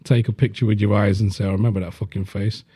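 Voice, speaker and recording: A man's voice: on the low side, level tone, fast, warm tone, breathy edge, no echo, studio quality. A man, chatting bluntly on a podcast and swearing freely. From Leicester, England. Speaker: podcast host. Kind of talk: casual chat.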